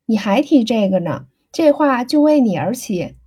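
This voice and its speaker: Lady doing a chatty young wife, jumpy and playful, slightly high soft voice. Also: lively intonation, moderate pace, husky. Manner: playful, evasive. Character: chatty, flustered young married woman. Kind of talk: audiobook character reading.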